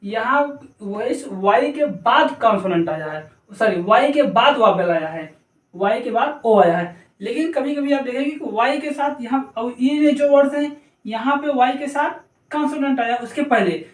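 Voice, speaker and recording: A man's voice: very high voice, normal speed. Man teaching in an echoey room. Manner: spells words out letter by letter, repeats points. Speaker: English pronunciation teacher. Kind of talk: explanatory lesson. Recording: echoey room, mic at a distance.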